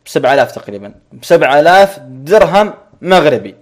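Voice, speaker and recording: Man, grammar teacher, fairly high voice, repeats points patiently. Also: sing-song. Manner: repeats each point slowly, checks "clear?", chuckles with students. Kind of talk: online grammar lesson.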